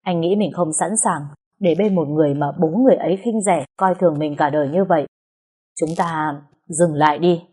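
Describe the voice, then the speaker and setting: A gentle young man in a storybook, calm and soothing, with a mellow, warm and slightly husky tone, as a woman reader speaks his lines. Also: low voice, a little fast. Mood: resolute.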